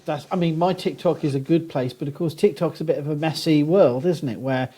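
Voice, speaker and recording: A man with a modern, posh Southern English accent speaks in a conversational interview. His voice sits a little high and has a husky grain. He explains like an animated academic. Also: brisk. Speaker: guest archaeologist.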